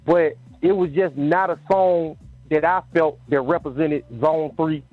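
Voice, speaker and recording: Easygoing rapper on a dull dry line. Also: male voice, fairly high pitch, steady tone, unhurried, no room sound. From Atlanta. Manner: easygoing, affirming with short replies. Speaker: rapper guest. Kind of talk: casual radio interview.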